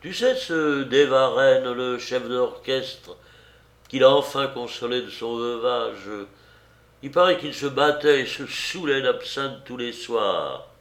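A man voices a worldly city gentleman who chats in a loose, offhand manner. His middle-pitched voice carries the echo of a roomy space. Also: measured pace.

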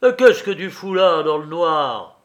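A man voicing a gruff young factory worker who talks rough and grumbles, in a storybook reading. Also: fairly high pitch, sing-song, a little slow, sharp tone, heavily acted. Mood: irritated.

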